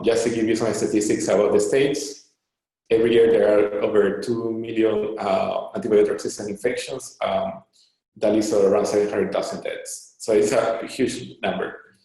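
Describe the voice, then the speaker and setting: A man's voice: lowish voice, fairly even intonation, warm tone. A man in his thirties from Peru, a startup co-founder answering interview questions with lots of fillers and restarts. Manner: halting, many fillers and restarts. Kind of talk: online Q&A interview. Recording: very echoey room.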